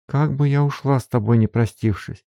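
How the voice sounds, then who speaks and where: A man's voice: normal speed, vocal fry, mellow, dry recording, studio quality, natural voice. A man reading an audiobook, voicing a tender but scolding young woman by raising his voice. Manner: voice raised to a higher register for the woman.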